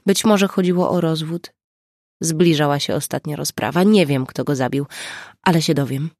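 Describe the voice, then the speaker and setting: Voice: mid-range voice, moderate pace, dry recording, close to an everyday voice. Brief: narrator as a composed woman, firm and reassuring, dry close sound. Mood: earnest. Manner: calm, clear and firm. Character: grown woman, steady and reassuring.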